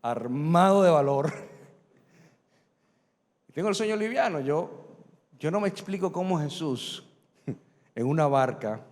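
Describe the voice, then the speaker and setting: A man's voice: on the high side, lively intonation, unhurried, long pauses. A middle-aged man preaching a sermon as pastor, acting out Bible dialogue in changed voices and calling on the congregation to repeat after him. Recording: long reverb of a large hall.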